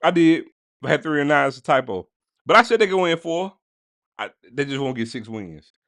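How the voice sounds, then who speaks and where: A man hosting a casual sports podcast, talking straight to his listeners in slangy, animated bursts. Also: fairly high pitch, fairly quick, no echo. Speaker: podcast host.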